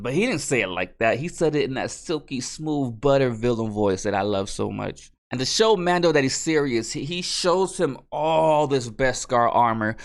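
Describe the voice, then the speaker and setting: A young man talking casually through a show recap, his voice sitting at an ordinary middle pitch. He is excitable and rambling, drops in slang and trips over his own sentences. It sounds like a relaxed, chatty fan review.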